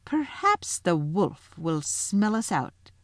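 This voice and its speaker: A woman voicing a cold, scornful witch queen who speaks slowly and commandingly. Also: on the low side, very animated, dry recording. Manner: slow, commanding.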